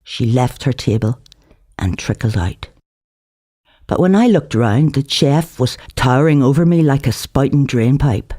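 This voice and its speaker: An author reads their own literary novel aloud in a colloquial, theatrical first-person style, shifting voices for the dialogue. The delivery is animated and warm, at medium pitch and a measured pace.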